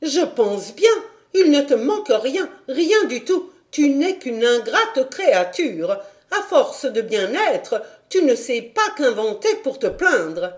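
A strict governess scolds in high, loud, indignant bursts, as a woman reading the audiobook puts her on. Her questions come sharp and pressing, pitched well above the reader's own voice. The storybook tone stays stern throughout. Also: expressive, moderate pace. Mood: indignant scolding. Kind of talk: audiobook character voice.

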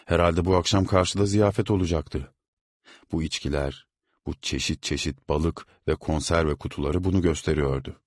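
A man narrating an audiobook in a measured, steady reading. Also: very deep voice, no room sound, studio quality. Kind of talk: scripted narration.

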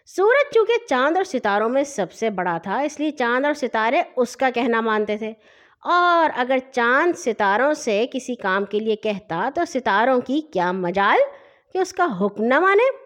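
Female children's storyteller, high voice, animated and expressive.

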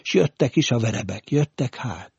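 A man reading a literary story aloud as an audiobook narrator, in a measured, deliberate way. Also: medium pitch, expressive, darkish tone, slightly rough, highs cut off.

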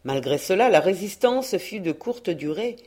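A woman narrating a historical adventure novel in a measured, expressive reading voice. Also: medium pitch. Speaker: audiobook reader. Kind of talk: scripted narration.

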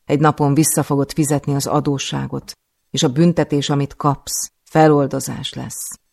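A man voicing a stern, cold woman caretaker who gives curt orders in a gravelly voice. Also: medium pitch, little pitch movement, darkish tone, no echo, studio quality, natural voice. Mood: grimly encouraging.

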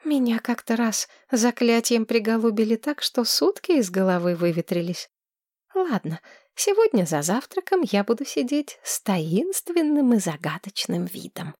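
A woman voicing a bubbly, lovestruck young woman friend who gushes and drops into breathy whispers. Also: on the high side, sing-song, moderate pace, darkish tone, dry recording, clean studio sound, pitched above the performer's own voice. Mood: playful.

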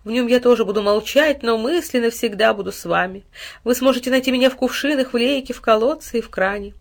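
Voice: mid-range voice, fast, gravelly, pitched above the performer's own voice, close to an everyday voice. Tender, weepy female Water spirit for a fairy-tale audiobook , voiced by the narrator. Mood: pleading. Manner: soft, pleading, weepy.

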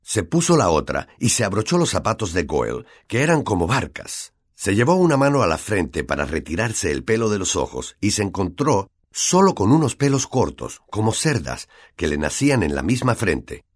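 Lively Latin American male narrator. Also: on the low side, normal speed, hardly any pauses, no echo. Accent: Latin American Spanish. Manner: expressive storytelling. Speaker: audiobook narrator. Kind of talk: scripted narration.

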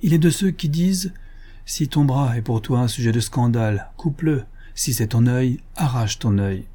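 A man's voice: mid-range voice, animated, normal speed, warm tone, lightly acted. Man reading as a stern young merchant. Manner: grave, severe delivery. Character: stern young male merchant, cold and grave.

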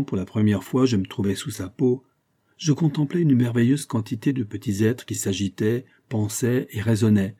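A man's voice: medium pitch, mellow, slightly rough, close to an everyday voice. A man voicing a tipsy provincial surgeon who earnestly recounts a rambling dream, read as an audiobook character.

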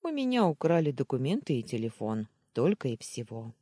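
A woman's voice: rumbling low, big pitch swings, dark tone, dry recording, clean studio sound, heavily acted. Woman reading a tired, purring young man. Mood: guilty. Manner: slow, coaxing, teasing drawl.

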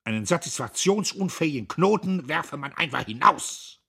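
A husky-voiced man voicing a pompous, haughty young businessman in an audiobook. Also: on the high side, animated, moderate pace, voice pushed up, heavily acted. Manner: loud and haughty.

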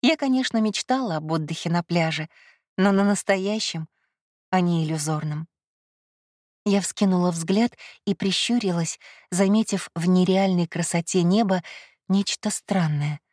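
A woman narrating a first-person fantasy audiobook in a measured, softly dramatic reading. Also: lowish voice, no echo, clean studio sound.

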